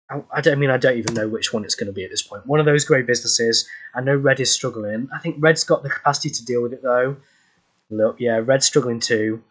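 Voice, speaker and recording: A man talks through a strategy game as he plays. He thinks aloud, hesitating and restarting his sentences, at an ordinary mid pitch. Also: fairly bright tone, poor audio. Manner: thinking aloud, hesitant, self-correcting with ums. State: hiccuping. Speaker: gaming YouTuber. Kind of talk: casual gameplay commentary.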